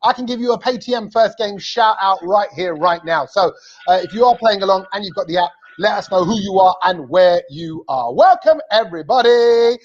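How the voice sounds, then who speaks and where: High-voiced, energetic male show host. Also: moderate pace, dull audio. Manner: energetic, playful, teasing. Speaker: host of a cricket fan show. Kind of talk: lively live-stream chat.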